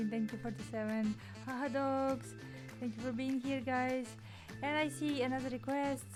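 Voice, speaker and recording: Giggly high-voiced woman streaming live. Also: little pitch movement, moderate pace, over music. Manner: giggly, chatty, talks to viewers. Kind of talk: casual live-stream chat. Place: outdoors, traveling.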